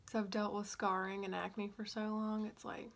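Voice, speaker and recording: Her wisdom teeth just removed, a young woman chats through a makeup tutorial with her mouth barely open, sounding drowsy and scattered. Her mid-range voice is flat and moderately paced, picked up indoors at home by a phone on a stand roughly arm's length away.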